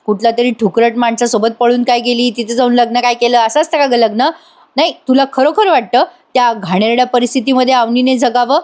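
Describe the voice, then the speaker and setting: A woman's voice: a little high, steady tone, brisk, a little mellow, close to an everyday voice. A woman voicing a stubborn, angry older father who speaks sternly and refuses to listen.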